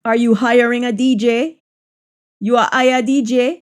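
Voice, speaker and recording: Female language teacher, Jamaican Patois, slightly high voice, very unhurried, repeats example sentences deliberately. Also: fairly even intonation, clean tone. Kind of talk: Jamaican Patois lesson, practice sentences said in English then repeated in Patois.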